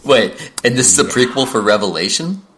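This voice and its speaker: A man's voice: mid-range voice, expressive, a bit bright, slight background noise. A man co-hosting a podcast, reacting with exclamations and recalling memories casually. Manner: reactive, exclaiming, quick to laugh. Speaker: podcast co-host. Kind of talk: casual chat.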